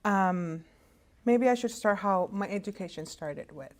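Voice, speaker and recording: A Spanish-speaking woman with a medium-pitched voice, director of hospital interpreter services, gives students a casual career talk over a video call. She's conversational but halting, full of fillers and restarts.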